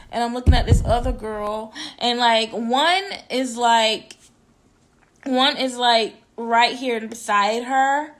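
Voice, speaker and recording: A woman's voice: on the high side, slight background noise. A young woman telling a story in a casual vlog, with lots of slang and acted-out dialogue. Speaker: vlogger.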